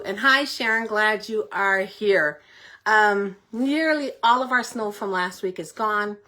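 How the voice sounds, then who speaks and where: A woman's voice: on the high side, bright, forceful tone. Breathless older woman chatting. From Middle Tennessee, United States. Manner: chatty, greets viewers by name. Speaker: paper crafting livestream host. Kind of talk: casual livestream chat.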